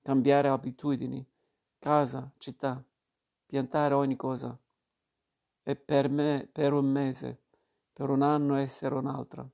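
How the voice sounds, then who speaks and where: A man reading the lines of a carefree, playful young woman in his own even, low-key voice. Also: slow pace, vocal fry, long pauses. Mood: dreamy.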